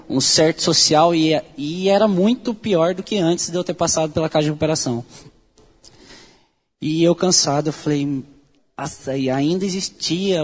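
A man with a Brazilian Portuguese accent gives an earnest, emotional personal testimony, full of halting restarts. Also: on the high side, a little mellow. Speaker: speaker giving a testimony.

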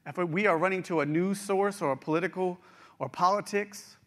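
Man preacher, West Virginia accent, middle-aged, fairly high voice, folksy sermon delivery, direct address. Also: a little fast, fairly bright tone. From West Virginia, United States.

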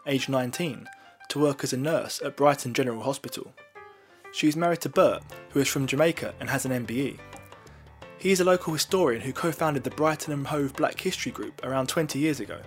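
A male reporter narrating a news feature and gently interviewing an elderly woman. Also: mid-range voice.

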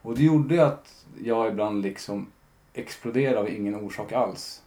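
A man with a fairly low, warm-toned voice appears as a podcast guest. Candid and reflective, he shares his personal story, frequently reconstructing past conversations full of fillers.

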